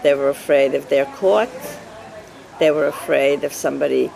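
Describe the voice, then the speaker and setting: An older Yiddish teacher, born in Russia and a native Russian speaker, tells stories from his life in an interview, speaking emphatically and posing rhetorical questions. His voice is medium-pitched with vocal fry and a moderate pace. The recording is low quality, with crowd noise behind him.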